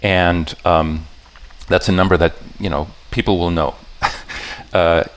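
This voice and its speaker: A puzzle setter giving a convention talk speaks in a low, steady voice to a live audience. His delivery is halting and self-correcting, often backing up mid-sentence to rephrase, and now and then he asks the room whether they're keeping up.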